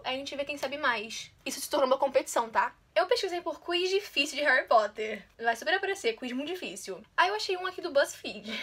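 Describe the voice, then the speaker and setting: A YouTuber with a high-pitched, fairly bright voice takes a quiz on her channel, chatting casually and teasing herself. She comes across as chatty, self-mocking and competitive.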